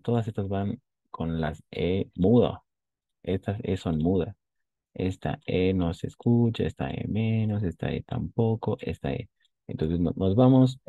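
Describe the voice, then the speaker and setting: Male language teacher, low mellow voice, unhurried, patient, dry close sound. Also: dry recording, highs cut off. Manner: patient, explains slowly, models pronunciation. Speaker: French teacher. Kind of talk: online language class.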